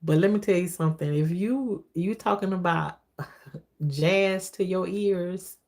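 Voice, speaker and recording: Hosting a livestream, a deep-voiced woman talks in an unhurried, slightly mellow way, giving testimony and repeating phrases for emphasis in a casual chat.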